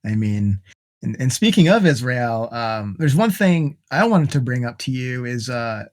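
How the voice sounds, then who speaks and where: A man's voice: mid-range voice, lively intonation, unhurried. A man hosting a podcast in loose, casual chat with a mid-range voice. He jokes and laughs easily as he talks, keeping things light. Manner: joking, laughs often. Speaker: podcast host. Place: home in Massachusetts.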